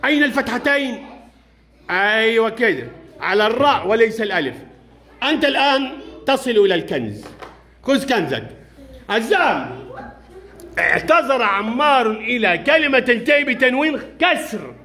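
A male primary school teacher with an Egyptian Arabic accent teaches young pupils in a classroom, his very high-pitched voice sing-song and sharp in tone at a normal speed. He encourages the children and often praises their answers.

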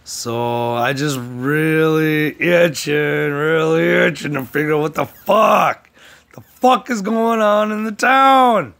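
A man vlogging in a crude, profane rant, swinging between shouting and low muttering. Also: fairly even intonation, takes it slowly, vocal fry. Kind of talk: profane ranting commentary.

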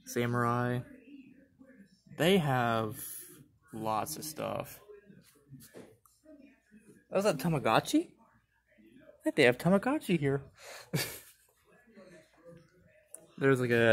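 A young man with an average-pitched voice talks his way through an antique mall, filming on a handheld phone as he walks. He rambles casually, laughs a lot and jumps up in excitement whenever something catches his eye. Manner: rambling, chatty, laughs often, excited bursts at finds. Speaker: vlogger. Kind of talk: casual handheld shop walkthrough vlog. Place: large indoor antique mall with glass cases. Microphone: phone camera held while walking.

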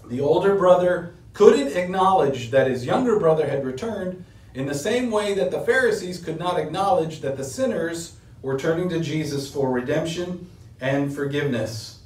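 Middle-aged guy preaching at a lectern, earnest, gets louder on big points, mic a bit far, roomy sound. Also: lively intonation, moderate pace. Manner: earnest preaching, rising in pitch and force when stressing points. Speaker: pastor. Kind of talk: sermon. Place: small indoor room, standing at a lectern. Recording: roomy echo, voice set back from the mic.

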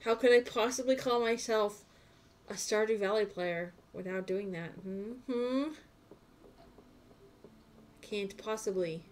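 In this casual live gameplay chat, a woman of medium pitch talks at a moderate pace with fairly even intonation while streaming a farming game. She rambles on, chatting to herself throughout. A faint hiss or hum sits in the background.

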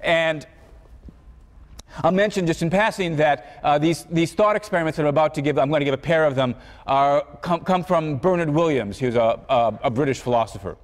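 A man's voice: a little high, fairly quick. A man giving a university philosophy lecture in a conversational way, often repeating words and acting out the voices he quotes. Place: large lecture hall. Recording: long reverb of a lecture hall.

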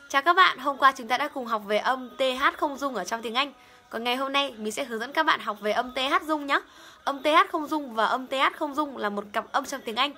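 Bright-voiced, slow woman teacher. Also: fairly high pitch. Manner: slow, over-enunciated demonstration with repeated words. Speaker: English pronunciation teacher. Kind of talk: bilingual pronunciation lesson.

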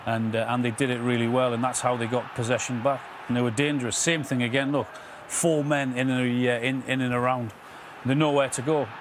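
A middle-aged man giving measured post-match analysis in a TV studio, often repeating words as he explains. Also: medium pitch, flat delivery, noisy background. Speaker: football pundit.

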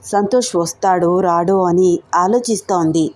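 A woman's voice: on the low side, unhurried, darkish tone, lightly acted. Young friend in an audio romance, knowing and amused, as the narrator voices her.

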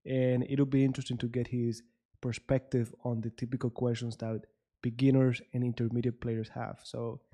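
A man's voice: mid-range voice, little pitch movement, moderate pace, dark tone. A young man in his twenties with a Cuban Spanish accent, hosting a casual interview chat at a desk microphone. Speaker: chess coach hosting an interview. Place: small room at home, indoors. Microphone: desk microphone on a boom arm, video call.

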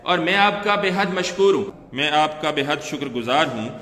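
A man's voice: on the high side, animated, moderate pace, pushed and bright. A male Urdu teacher giving a classroom lecture, explaining step by step, repeating key terms and asking the class questions. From Pakistan. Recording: echoey room with long reverb.

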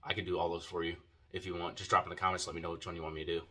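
Rapid-fire and flat, a man's low-pitched, sharp voice carries a casual video review. He has a lip full of dip and keeps the product talk laid-back, slangy and profane.

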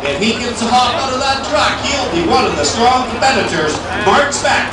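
A high-voiced man booms names and distances over a fairground PA at night. His voice echoes heavily and sounds distant. The roar of a big crowd and loud engines fills the background. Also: expressive, normal speed. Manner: booming, calls out names and distances. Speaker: tractor pull announcer. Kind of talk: live PA announcing. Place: outdoor fairground grandstand at night. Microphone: PA speakers heard from the stands.

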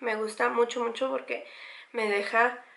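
A woman's voice: a little high, little pitch movement, moderate pace, gravelly, a bit bright, echoey room. A pregnant young woman walks through a makeup tutorial, chatty and enthusiastic, repeating words for emphasis. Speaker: beauty vlogger.

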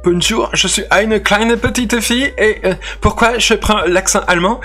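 A man's voice: high voice, moderate pace, pushed and bright, soft background music, voice pushed up. A man voicing a little girl with a put-on German accent, playful and cutesy.

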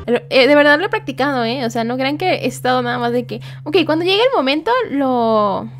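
High-pitched cute anime-style woman streamer. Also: lively intonation, brisk, faint music behind. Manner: cute anime streamer manner, playful and giggly. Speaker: VTuber streamer. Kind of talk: casual livestream chat.

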